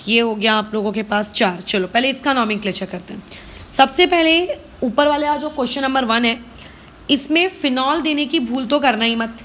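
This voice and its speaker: A woman's voice: high voice, normal speed, a bit bright. An Indian woman teaching chemistry, mixing Hindi and English, spelling out names letter by letter and answering her own questions. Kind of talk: online lesson, working problems aloud.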